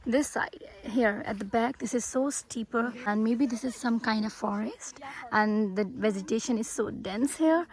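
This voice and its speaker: A woman's voice: a little high, normal speed, hardly any pauses. A woman narrating a casual travel vlog outdoors into a handheld phone, chatty and upbeat, with many fillers and restarts. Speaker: travel vlogger. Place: outdoors, walking around a hilltop castle and lake.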